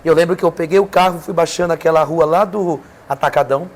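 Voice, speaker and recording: A man's voice: a little high, fast. A Brazilian man, a preacher and podcast guest, telling an emotional personal testimony in an earnest, emphatic way. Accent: Brazilian Portuguese. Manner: earnest storytelling, emphatic with rising intensity.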